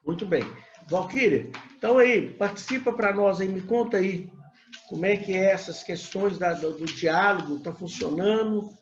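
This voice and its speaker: A man's voice: sits high, normal speed, reverberant, muffled recording, slight background noise. A man from Minas Gerais, Brazil, a pastor teaching a couples class in a conversational way, full of filler tags and restarts. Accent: Brazilian Portuguese, Minas Gerais.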